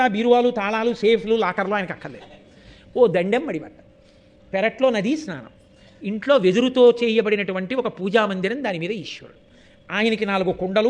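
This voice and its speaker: Male religious orator, very high pitch, animated storytelling with chanted verses, loud stresses dropping to hushed asides. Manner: swings between loud emphasis and hushed asides. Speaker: spiritual discourse speaker. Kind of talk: religious discourse on scripture.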